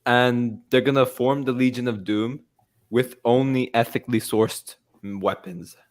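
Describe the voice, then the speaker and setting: A man's voice: medium pitch, fairly even intonation, unhurried. A man hosting a fan news livestream, chatting casually in a playful, teasing way with rambling asides and fillers.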